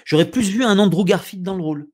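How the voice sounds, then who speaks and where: French man, podcast host, slightly high voice, animated and hesitant. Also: fast talker, slightly rough. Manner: animated, many hesitations and restarts. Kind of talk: casual chat about films.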